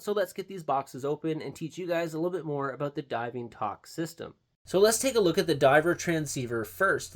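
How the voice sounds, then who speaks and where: A man hosting a product unboxing, explaining gear directly to viewers in a presenter's style. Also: on the high side. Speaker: host of a diving gear review channel.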